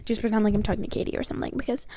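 A woman's voice: mid-range voice, fairly even intonation, racing, mellow, slight background noise. A teenage girl rambling casually on her own podcast, full of fillers, recorded in her bedroom with a mic close to her chin. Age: teens. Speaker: podcast host. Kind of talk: casual solo podcast chat. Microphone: close mic near the chin.

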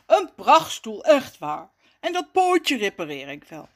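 A woman voicing a patient, gentle friend who reassures the others in a children's story. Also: fairly high pitch, huge pitch swings, measured pace, heavily acted. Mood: reassuring. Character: calm patient soothing friend.

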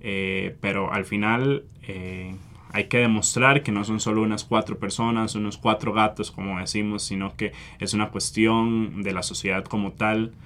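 A fairly low-voiced man speaking Spanish with a Costa Rican accent, answering questions as an activist guest. He talks earnestly and keeps stopping to fill gaps with hesitant sounds. A faint rumble sits under the recording. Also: little pitch movement, moderate pace, a bit bright. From Costa Rica. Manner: earnest, hesitant with frequent fillers. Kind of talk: interview answers.

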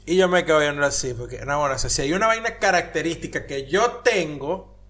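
A man, co-hosting a casual chat at home, loud and joking, with lots of swearing. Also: a little high, fairly quick. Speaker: podcast co-host. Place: apartment room with window open.

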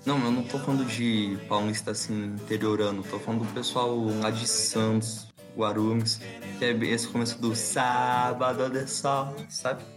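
A man's voice: fairly low pitch, brisk. Laid-back guy chatting music on a podcast, guitar playing behind. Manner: relaxed, chatty, slangy. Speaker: podcast co-host. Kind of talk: casual chat.

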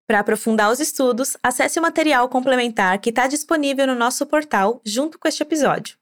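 A woman hosting a scripted language lesson, explaining clearly and encouraging the listener to repeat after her. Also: sits high, fairly quick. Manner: clear, encouraging, drilling repetition. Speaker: language teacher host.

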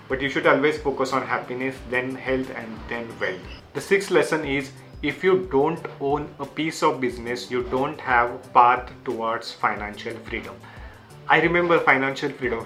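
Young man, Marathi Indian accent, bright punchy voice, earnest self-help vlog delivery, simple non-native English, soft music behind. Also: mid-range voice. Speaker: YouTube creator sharing book lessons. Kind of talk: self-help talk to viewers.

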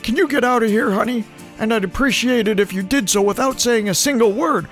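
A man voicing a pompous, hot-tempered Martian general in a comic audiobook, shrill and indignant. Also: brisk, fairly bright tone, faint music behind.

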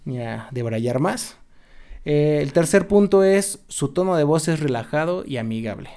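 Man, fairly high voice, playful casual co-host. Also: unhurried. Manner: lively, jokey, slangy. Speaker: podcast co-host. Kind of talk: casual chat.

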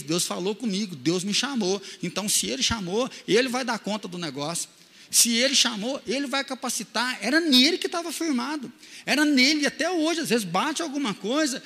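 High, bright-voiced man preaching a sermon. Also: in a large hall. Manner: emotional storytelling, shifting from loud to hushed. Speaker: pastor.

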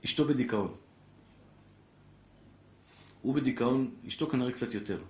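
Rabbi guy preaching to a room, fired up, keeps saying brother, lots of echo. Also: mid-range voice. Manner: impassioned, addresses listeners as brother, rising to loud exhortation. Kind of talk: Torah class sermon to an audience. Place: lecture room with a live audience. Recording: echoey room with faint background noise.

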